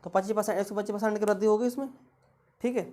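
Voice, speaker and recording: A woman's voice: medium pitch, steady tone, racing, warm tone. Woman walking through math steps. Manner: talks through each step with constant rhetorical questions. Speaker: math tutor. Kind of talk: exam-prep math lesson.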